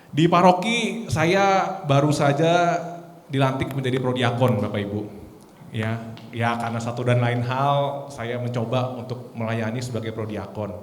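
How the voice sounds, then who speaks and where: Casual preacher guy in his 30s, chatty storytelling, mid-pitch voice, big echoey hall. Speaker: lay preacher. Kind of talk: sermon at a prayer meeting. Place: large echoey church hall. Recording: echoey hall, faint noise.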